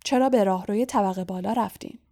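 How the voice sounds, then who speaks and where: A woman's voice: medium pitch, warm tone, close to an everyday voice. A cold male teacher in a storybook, voiced by a woman narrator sneers and insinuates. He keeps his voice cool and level while he probes with pointed questions. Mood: sneering.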